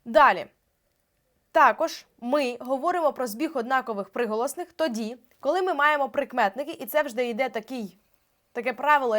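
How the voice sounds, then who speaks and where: High-voiced woman teaching grammar. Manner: explains step by step, stretches out example words slowly. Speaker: Ukrainian language teacher. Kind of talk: exam-prep grammar lesson.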